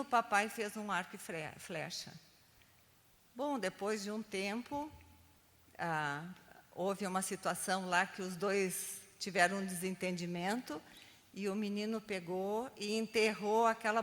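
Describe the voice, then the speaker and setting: A woman's voice: on the low side, a bit bright, big-room sound. An older woman training Sunday school teachers, telling stories and checking in with her listeners often. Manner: chatty, keeps adding "né?" tags. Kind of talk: teaching a training class with storytelling.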